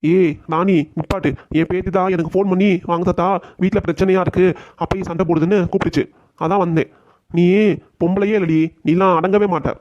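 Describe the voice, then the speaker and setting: திருநெல்வேலி வட்டார வழக்கில், மனைவியைக் கடுமையாகத் திட்டும் வயதான தாத்தாவாக ஒரு ஆண் குரல் கொடுக்கும் cartoon. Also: male voice, high voice, steady tone, a little fast, darkish tone, muffled recording, natural voice. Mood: angry. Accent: Tirunelveli Tamil. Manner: gruff, scolding. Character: blunt older grandfather scolding his wife.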